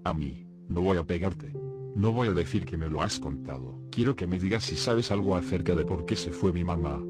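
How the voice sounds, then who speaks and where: A man reading the lines of a young girl who questions another child in a calm, threatening way. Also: sits low, normal speed, lightly acted. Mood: coldly threatening. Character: cold, menacing little girl interrogating another. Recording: music playing behind the voice.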